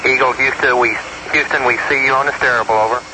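Heavy noise surrounds a man's mid-pitched voice on a walkie-talkie style radio link. He is a mission control communicator, talking in short procedural spaceflight phrases. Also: steady tone, fast talker. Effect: over walkie-talkie style radio link.

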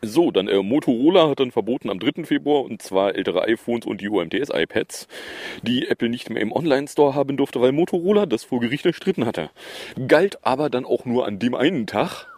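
A man's voice: mid-range voice, animated, brisk, darkish tone. A man hosting a podcast, running through recent news in a casual, sarcastic way with lots of fillers and asides. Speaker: podcast host. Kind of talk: casual news review chat.

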